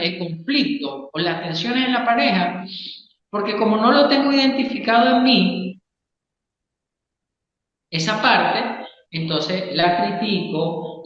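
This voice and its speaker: A man's voice: high-pitched, fairly bright tone. Man, psychologist guest, explanatory, checks in with the listener, long hall reverb. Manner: teaching, checks in with the listener often. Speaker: psychologist and Gestalt therapist, interview guest. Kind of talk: explanatory interview talk. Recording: echoey room, long reverb, dull sound.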